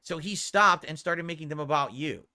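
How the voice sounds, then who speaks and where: A man's voice: a little high, moderate pace, bright, forceful tone, dry recording, clean studio sound. A man giving commentary that sounds read aloud.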